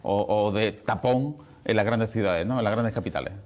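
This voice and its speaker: Male interviewer, lowish pitch, posing questions in a broadcast-style interview. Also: normal speed, darkish tone.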